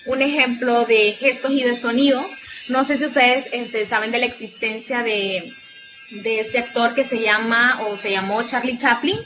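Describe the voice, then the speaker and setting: A woman's voice: fairly high pitch, steady tone, moderate pace, dull audio, over music. Salvadoran woman tutoring over a video call. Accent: Salvadoran Spanish. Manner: explanatory, asks rhetorical questions, many "este" fillers. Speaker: online tutor. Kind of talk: online class lecture.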